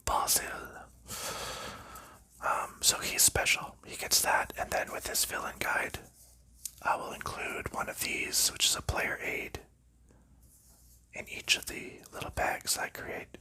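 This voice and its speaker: An ASMR host narrates an unboxing in a soft, breathy whisper, close to the microphone. He explains everything gently and without any rush.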